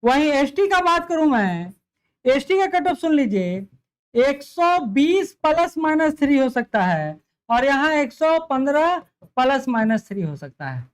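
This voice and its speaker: A man's voice: extremely high pitch, big pitch swings, unhurried. A man, a coaching teacher giving an emphatic exam analysis lecture and speaking directly to students. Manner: emphatic, repeats figures, addresses students directly.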